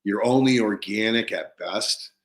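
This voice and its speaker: A man hosting a podcast interview, telling a story in an animated way. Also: fairly low pitch, a little slow, reverberant. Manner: animated, retells talks in lively voices. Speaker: podcast host. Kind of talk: storytelling in conversation.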